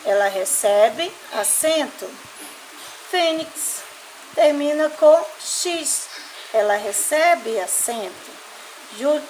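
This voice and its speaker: A Brazilian woman teaching a primary school class, dictating words one by one and explaining slowly and deliberately. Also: sits high, a little hiss or hum, rough recording. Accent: Brazilian Portuguese. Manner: slow, deliberate word-by-word dictation. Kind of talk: recorded class lesson.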